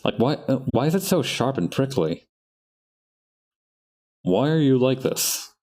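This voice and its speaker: A man with a mid-range, expressive voice and a darkish tone talks a little slowly as he draws on stream. His chat is casual and rambling, full of self-corrections and restarted sentences as he talks to himself while working.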